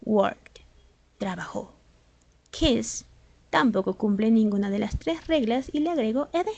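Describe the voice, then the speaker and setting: A woman's voice: fairly high pitch, expressive, a little slow, creaky, a little mellow, dry recording, muffled recording. A woman English teacher and native Spanish speaker, explaining grammar rules step by step in a patient classroom style with rhetorical questions.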